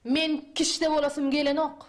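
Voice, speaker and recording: A woman's voice: sits high, flat delivery, moderate pace, natural voice. An actress playing a woman who complains in a sighing, self-pitying way. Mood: complaining.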